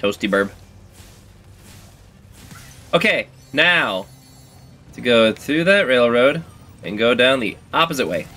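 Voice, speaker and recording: A man's voice: mid-range voice, sing-song, unhurried, bright, forceful tone. A man streaming a video game, talking casually through his play with sudden frustrated outbursts and self-mocking jokes. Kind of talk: casual gameplay commentary.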